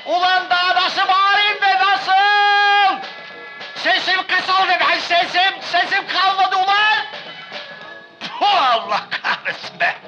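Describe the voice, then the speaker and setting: A hot-tempered middle-aged ship captain bellows in exasperation in a comedy film. The voice sits unusually high and strains as he shouts. The old film soundtrack is dull, with music running underneath. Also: very animated, moderate pace, creaky, few pauses, full character voice. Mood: shouting, exasperated. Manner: bellowing and exasperated on a bad phone line. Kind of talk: 1960s comedy film acting.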